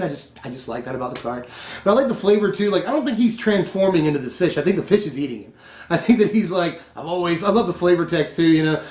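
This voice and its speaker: A man with a fairly high voice chats casually through a card-spoiler review and laughs at himself often. The room around him rings with echo. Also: a little mellow. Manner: chatty, laughs often, self-correcting. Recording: echoey room.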